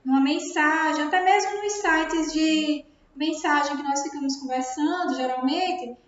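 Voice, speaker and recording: A woman's voice: high-pitched, unhurried. A woman with a Brazilian Portuguese accent, teaching a grammar lesson and often checking understanding with tag questions. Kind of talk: recorded classroom lesson. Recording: very echoey room, dull sound.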